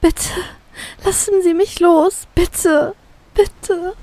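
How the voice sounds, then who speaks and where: A woman's voice: extremely high pitch, fairly even intonation, very slow, dark tone, pitched above the performer's own voice, heavily acted. A woman voicing a frightened, defiant young woman held captive, who stammers as she speaks. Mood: tearful pleading. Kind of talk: fanfiction audiobook reading.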